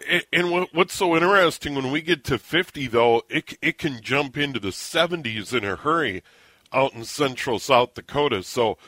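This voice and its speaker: A man's voice: medium pitch, animated, normal speed, bright, forceful tone, dry recording. A man hosting a sports radio show, chatting casually with a guest and often restarting his sentences. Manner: stammering restarts. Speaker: radio host.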